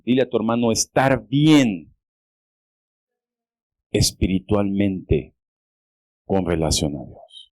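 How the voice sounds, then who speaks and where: A man preaching a sermon as a church pastor, in a deliberate style, often checking in with "¿verdad?" and rising high when quoting pleas. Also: a little mellow, no room sound. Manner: slow, deliberate preaching with frequent "¿verdad?" asides; rises sharply in pitch when quoting pleas.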